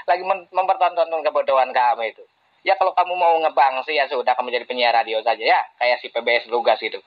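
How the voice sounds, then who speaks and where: A man's voice: mid-range voice, fast. Man debating over voice chat, scornful, chuckles often; dull lo-fi audio. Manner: mocking, laughs between jabs. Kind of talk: heated online debate.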